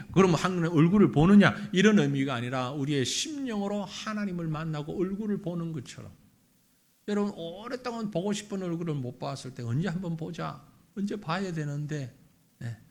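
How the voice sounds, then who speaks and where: A middle-aged male pastor preaching a sermon in a conversational way, asking his listeners questions and acting out the quotes. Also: a little high.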